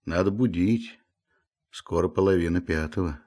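A man's voice: deep voice, moderate pace, a little mellow. A man voicing a stubborn old male manservant who coaxes and scolds with a drawling, muttering manner.

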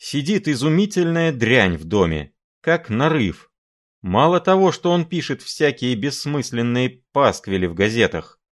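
A man's voice: mid-range voice, animated, unhurried, voice pushed up, lightly acted. Male reader doing a raised, furious elderly professor, imperious, lecturing hard. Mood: furious scolding. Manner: thundering, scolding tirade.

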